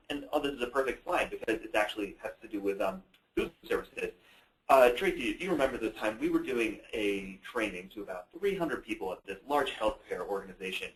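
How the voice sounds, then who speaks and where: Guy telling a work story on stage, normal pitch, roomy echo. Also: fairly bright tone. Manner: storytelling, conversational. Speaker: co-presenter. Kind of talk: conference presentation. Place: presentation hall. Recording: roomy hall sound.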